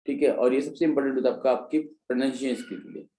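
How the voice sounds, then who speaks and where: A male teacher lectures an exam-prep class with terms. His voice is mellow and dark, and he checks in with his students as he explains each step. The sound carries the echo of a bare room. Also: medium pitch, racing.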